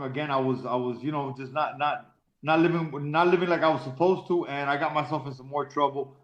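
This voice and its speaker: A man in his forties from Miami, a professional fighter telling his life story in an interview, in a casual, halting way with many repeated words. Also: fairly high pitch, fairly bright tone. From Miami, Florida. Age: 40s. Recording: roomy, dull lo-fi sound.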